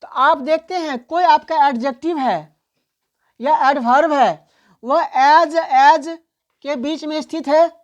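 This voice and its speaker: High-voiced woman teaching grammar. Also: lo-fi sound. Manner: asks questions and answers them herself; explains in Hindi, reads English examples slowly. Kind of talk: online grammar lesson.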